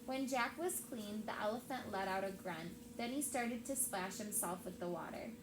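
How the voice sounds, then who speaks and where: An elementary school teacher reads aloud expressively to her class, stopping to prompt pupils with questions. Her voice is mid-range at a normal speed, in an echoey room with clear background noise.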